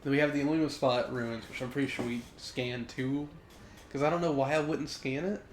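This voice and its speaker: A man's voice: medium pitch, steady tone, fairly quick, a little hiss or hum. A young man streaming a game live, chatting with viewers, rambling and correcting himself as he goes, sneezy today. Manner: chatty, reads chat aloud, rambling self-corrections. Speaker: gaming streamer. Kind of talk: live gameplay commentary.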